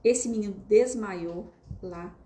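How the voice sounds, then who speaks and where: A woman's voice: medium pitch, slow pace, warm tone. A woman with a Brazilian Portuguese accent giving a conversational online lesson. She keeps turning to her listeners with tag questions. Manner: chatty, addresses listeners often with tag questions. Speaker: online course teacher. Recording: roomy echo with faint hiss.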